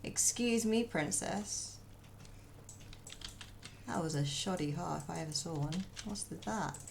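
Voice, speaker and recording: A woman's voice: fairly low pitch, measured pace, creaky, noisy background. A woman streaming as she draws, chatting casually, muttering to herself and answering her chat.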